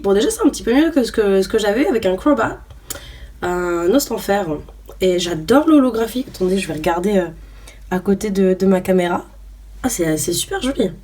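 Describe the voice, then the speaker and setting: A young woman with a warm, husky, medium-pitched voice opens trading cards for YouTube, reading each name aloud. Her casual chat is hesitant and filler-heavy, and the recording catches her a bit far from the mic with faint noise.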